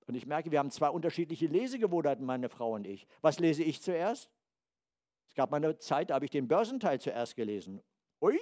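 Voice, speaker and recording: A man in his seventies preaching a sermon in a lively way, acting out quotes and dropping into quiet asides. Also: a little high. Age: 70s.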